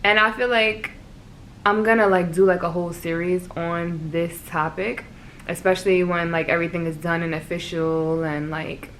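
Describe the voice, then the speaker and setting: A young woman with a New York accent talks casually to her vlog audience, rambling through her thoughts with plenty of "like" and "you know." Her voice sits a touch low, and there is a faint noise under the recording. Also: little pitch movement, normal speed, fairly bright tone, rough recording. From Brooklyn, New York. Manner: rambling, filler-heavy, laughs often. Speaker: vlogger.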